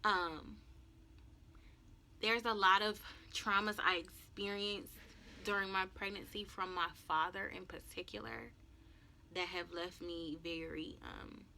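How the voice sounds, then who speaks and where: A woman's voice: lowish voice, flat delivery, slow pace, pushed and bright, slight background noise. A woman in her twenties frankly telling a personal story in a video journal, candid and emotional. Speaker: vlogger.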